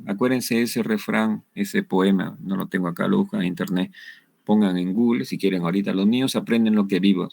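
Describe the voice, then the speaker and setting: A man's voice: lowish voice, creaky, a little mellow, no room sound. A man giving a law lecture over slides, in a conversational way that keeps asking "¿no?". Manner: conversational, asks "¿no?" and "¿no es cierto?" often.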